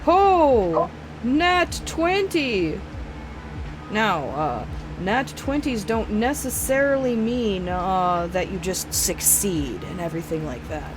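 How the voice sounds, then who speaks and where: A woman running a tabletop game as game master, relaxed and full of fillers. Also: fairly low pitch, unhurried, over music.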